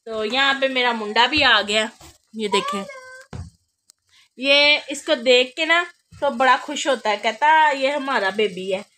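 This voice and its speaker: A woman's voice: high voice, slow, pauses often, bright, forceful tone, slight background noise. A young woman chatting casually in a home vlog, doting and often laughing, recorded on a phone camera indoors. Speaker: vlogger.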